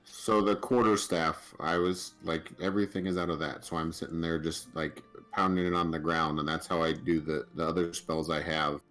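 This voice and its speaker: A man with a very deep voice takes his turn in a tabletop game. He explains what his character does in a casual, halting way, with faint music behind him. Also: fairly even intonation, a bit bright. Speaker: player.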